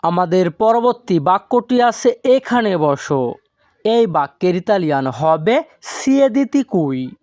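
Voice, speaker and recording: A man teaching a language lesson from a script, slowly and deliberately, drawing out each foreign word. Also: sits high, lively intonation, darkish tone, dry recording, studio quality. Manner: slow and deliberate, stretches out foreign words.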